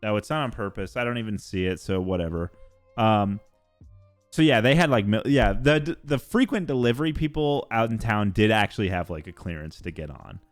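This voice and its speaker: A man's voice: on the low side, expressive, a little fast, no echo, soft background music. A young adult man streaming, chatting casually and rambling with lots of fillers and casual swearing. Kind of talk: casual chat.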